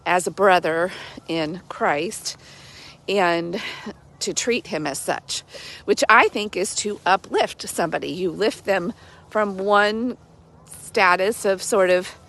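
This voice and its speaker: Woman, medium pitch, slow pace, halting, thinking aloud, casual reflective devotional vlog, recorded outdoors. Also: a bit bright. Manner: halting and conversational, thinking aloud with self-corrections. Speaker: vlogger giving a daily devotional. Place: outdoors among trees in light rain and snow.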